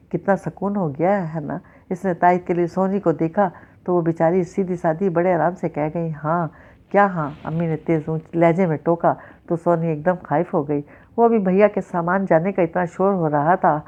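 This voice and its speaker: A woman's voice: on the low side, warm tone. A woman reading an episode of a novel aloud, narrating and speaking the characters' lines in a mostly plain voice. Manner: reads all characters' dialogue in a mostly plain voice, with small restarts. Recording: dull lo-fi recording.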